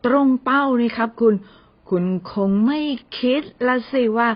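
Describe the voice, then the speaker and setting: A woman's voice: on the high side, fairly even intonation, a little slow, muffled recording. A woman reading an audio novel and voicing a young wealthy male boss who speaks politely and teases his new secretary. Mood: teasing. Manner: polite, playful, mock-offended.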